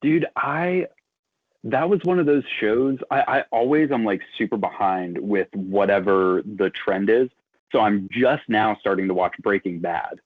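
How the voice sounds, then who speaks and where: A man's voice: lowish voice, a little slow, dry recording. An American man chatting casually as a guest over a laptop video call, easygoing and saying dude a lot. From United States. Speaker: guest musician. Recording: tinny phone-like call audio.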